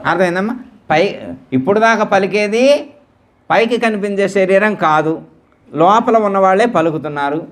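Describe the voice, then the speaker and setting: A spiritual teacher leads a devotional discourse at a temple gathering in a high-pitched voice with lively intonation. He repeats words slowly and quizzes his listeners with questions to check they're following.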